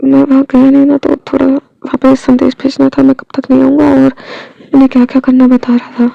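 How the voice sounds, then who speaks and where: A woman's voice: high voice, monotone, brisk, creaky, dry recording, lo-fi sound. A woman voicing an earnest young son, a dutiful prince explaining his duties in a storybook reading.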